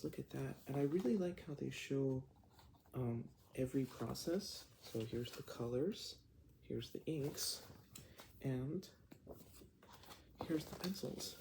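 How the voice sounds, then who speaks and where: A man giving casual vlog commentary in a hushed, half-whispered voice, keeping quiet at night. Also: medium pitch, creaky, slight background noise. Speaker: comic book vlogger.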